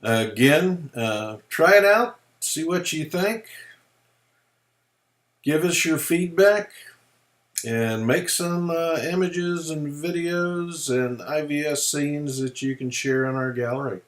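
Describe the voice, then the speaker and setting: A man presenting a software tutorial, explaining features in a relaxed, folksy way as he clicks through them. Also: on the high side, slow pace. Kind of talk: screen-recorded software walkthrough.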